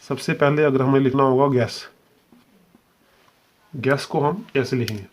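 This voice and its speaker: Male tutor walking through a shorthand lesson slowly and patiently, mid-pitched voice. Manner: patient, repeats "ठीक है" and spells sounds out slowly. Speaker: shorthand teacher. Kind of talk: step-by-step video lesson.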